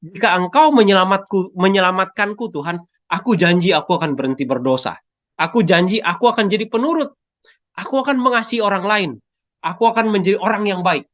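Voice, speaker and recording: A preacher puts on a panicked man stuck on a cliff, his voice jumping high and loud as he pleads for rescue. The sound is a bit dull and lo-fi. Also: expressive, normal speed. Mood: pleading. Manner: frantic pleading cries. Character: desperate man hanging from a cliff branch.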